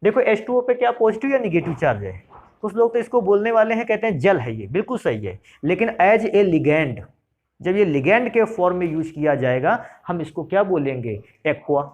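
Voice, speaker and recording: Middle-aged male chemistry teacher, animated and fairly high-pitched, repeats terms, asks and answers his own questions. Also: moderate pace, muffled recording. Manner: addresses students fondly as "beta"; repeats key terms for emphasis. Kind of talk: classroom lecture.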